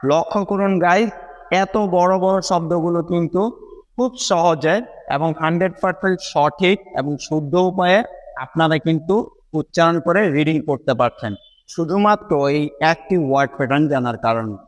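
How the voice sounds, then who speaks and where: A man's voice: fairly high pitch, moderate pace, in a large hall. Bangladeshi man teaching letter by letter. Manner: explains step by step, spells words letter by letter, often asks "right, guys?". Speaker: English teacher. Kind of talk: spoken phonics lesson.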